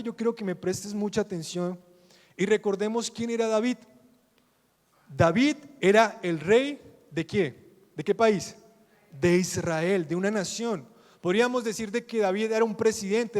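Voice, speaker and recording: A man's voice: high-pitched, normal speed, darkish tone, long reverb tail. A male pastor with a Colombian Spanish accent preaching a sermon, putting questions to the congregation and answering them himself.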